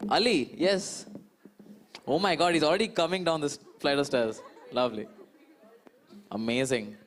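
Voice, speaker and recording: Male hype host, Indian accent, energetic and coaxing, on the higher side, faint crowd behind him. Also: moderate pace. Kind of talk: live crowd hyping. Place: conference stage with audience.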